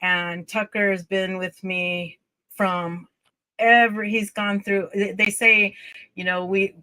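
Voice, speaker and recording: A woman guest telling a personal story in a livestream interview, earnest and halting, often restarting her sentences. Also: mid-range voice, fairly even intonation, sharp tone, smooth.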